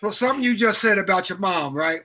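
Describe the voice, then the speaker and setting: A man's voice: high-pitched, lively intonation, bright, forceful tone. A man hosting an interview, reflecting back on his guest's story with stammered restarts. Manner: stammering, many quick restarts. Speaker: interview host. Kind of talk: conversational interview.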